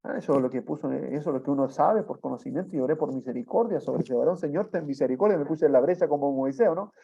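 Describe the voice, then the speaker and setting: A man's voice: medium pitch, fast, gravelly, dark tone, slightly rough. A man preaching a sermon, telling a testimony in a storytelling way and often adding tag questions. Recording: dull lo-fi sound.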